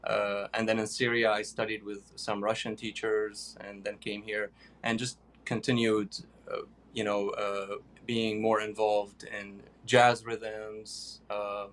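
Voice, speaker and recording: A young man from Iraq answers questions about his playing. His voice sits a little low, and he pauses often with fillers as he searches for words. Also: a bit bright, a little hiss or hum. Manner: hesitant, many fillers. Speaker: guest pianist. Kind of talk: interview answers.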